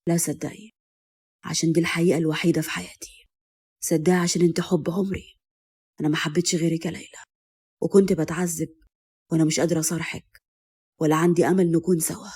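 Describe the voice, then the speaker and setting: A woman voicing a calm, commanding young man with an Egyptian accent, speaking low and controlled in an audio story. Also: quick pace, pauses often, slightly rough. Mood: tender.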